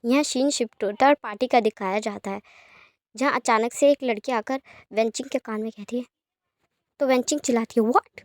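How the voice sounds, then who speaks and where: A woman narrates a romance story in a high, lively register, keeping the telling plain and quick. She is recorded close with a dry, roomless sound. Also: dry recording. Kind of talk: dramatic fan-fiction narration.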